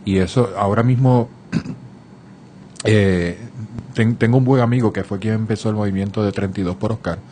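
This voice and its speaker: A radio host, a man with a somewhat low voice, poses thoughtful questions with small hesitations. A faint hiss sits under the recording. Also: steady tone, normal speed, long pauses, mellow. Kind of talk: casual radio interview.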